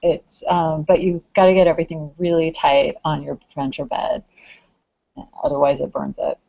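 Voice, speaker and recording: A woman's voice: sits low, flat delivery, moderate pace, creaky, dry recording. A woman explaining a technique in a practical way over a video call. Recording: dull lo-fi video call audio.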